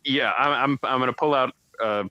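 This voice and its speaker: A man's voice: medium pitch, normal speed, bright, forceful tone, no room sound, lo-fi sound. A man playing a tabletop game, casually chatting and asking the game master lots of eager questions. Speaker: player.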